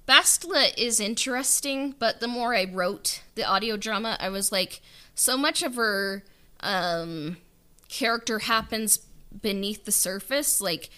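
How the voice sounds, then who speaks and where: A woman who wrote and directed a fan audio drama chats casually in an interview about her creative work, hesitating and rambling with heavy use of "like" and "you know." Her voice is a little high with a sharp tone.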